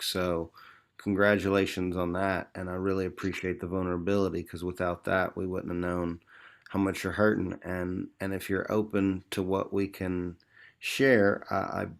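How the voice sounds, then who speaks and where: A man's voice: low-pitched, gravelly. A man leading an online group, encouraging members and calling them bro. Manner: supportive, calls people bro and brother. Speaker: group facilitator. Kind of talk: casual encouraging group talk.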